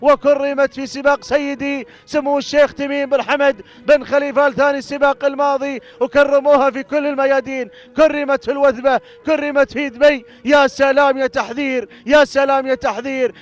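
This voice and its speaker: High-pitched race caller, muffled sound. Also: male voice, level tone, a little fast. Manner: chanting, repeating congratulations. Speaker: race commentator. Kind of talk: excited live race commentary.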